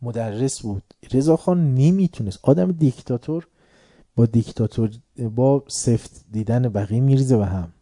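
Brief: male speaker with a deep-toned, warm voice, spinning a lively story with chuckles. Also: no room sound, clean studio sound. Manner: lively anecdotal telling, chuckling. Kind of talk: storytelling religious talk.

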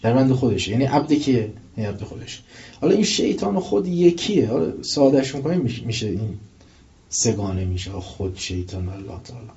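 A male preacher giving a religious lecture, telling stories with rising intensity and reciting verses slowly. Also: mid-range voice, animated, warm tone. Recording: dull lo-fi recording.

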